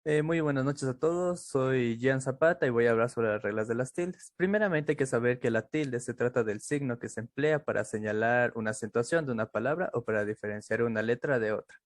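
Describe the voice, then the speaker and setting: A man's voice: medium pitch, fairly quick, hardly any pauses, dry recording. A man giving a class presentation, reading steadily with occasional fillers. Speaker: student presenter.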